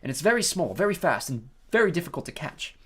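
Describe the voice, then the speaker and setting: A reader doing a flat, weary schoolboy. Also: medium pitch, quick pace, husky, pitched above the performer's own voice. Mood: resigned. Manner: flat, heavy, resigned. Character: weary, resigned teenage schoolboy hero.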